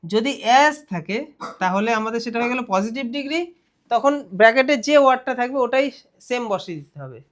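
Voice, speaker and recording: A man's voice: very high-pitched, lively intonation, brisk, a bit bright. A young man with a West Bengal Bengali accent, teaching a grammar lesson for an exam. He keeps asking questions and answering them himself, drawing out the key words.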